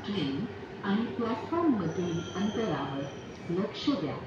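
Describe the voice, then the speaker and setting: A woman reads formal transit announcements over a public address loudspeaker, shaping slow, evenly spaced phrases with a lively melody. She sounds distant and dull-toned, with heavy echo. Loud train noise runs underneath. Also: mid-range voice. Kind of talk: recorded station announcement.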